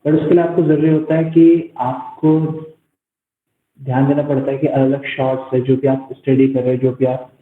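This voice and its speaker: A man's voice: medium pitch, level tone, moderate pace. A man teaching an online art class, his voice cutting out over the call as he explains in loose, repeating phrases. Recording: tinny echoey call line.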